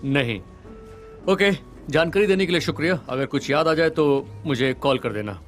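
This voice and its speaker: A man's voice: a little high, normal speed, soft background music, lightly acted. An actor dubbing a friendly male police detective who asks questions in an easygoing way, in a Hindi film dub.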